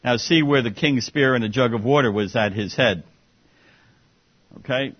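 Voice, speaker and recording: Husky-voiced man teaching a Bible class. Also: medium pitch, moderate pace. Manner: conversational, sarcastic asides, many fillers. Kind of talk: informal Bible study teaching. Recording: dull muffled classroom recording.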